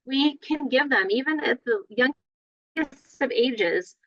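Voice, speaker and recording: A woman's voice: sits high, takes it slowly, a bit bright, highs cut off. A woman leading a play therapy training in a conversational lecture style, often adding "right?" and "you know". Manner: conversational, many fillers and "right?".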